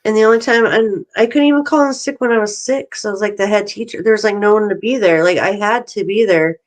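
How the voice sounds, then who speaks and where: A woman's voice: mid-range voice, quick pace. A middle-aged woman talking casually with a co-host, her voice sitting in an ordinary middle range. She tells her stories with energy and plays out both sides of the conversations she describes. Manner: animated storyteller, acts out phone calls. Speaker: podcast co-host. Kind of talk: casual chat.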